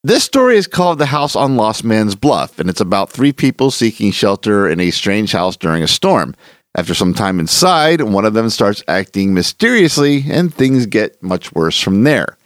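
Over background music, a male podcast host reads a scripted narration introducing old radio horror. His voice is fairly low and very animated, at a moderate pace, with clean studio sound and no echo.

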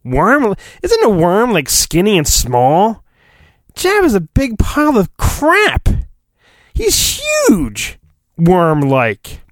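This middle-aged American man hosts a podcast and performs a storybook with drama, cutting himself off for casual, joking asides, all recorded on his phone. He speaks slowly in a high register, his pitch swooping wildly, and the sound is clean like a studio's. Still, it's a homemade phone recording with roomy echo and faint music.

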